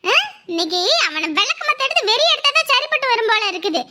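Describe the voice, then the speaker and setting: A woman's voice: extremely high pitch, big pitch swings, quick pace, very noisy. An actress playing an angry, protective middle-aged village mother who rants indignantly, in a web drama. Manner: indignant, ranting.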